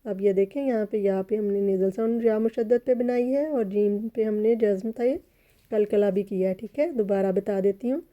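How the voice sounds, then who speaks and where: A woman teaching recitation rules patiently, repeating each point and chanting the Arabic words in long, drawn-out tones. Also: medium pitch, muffled recording. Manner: patient, repeats each word slowly and often says "theek hai". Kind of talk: step-by-step tajweed lesson.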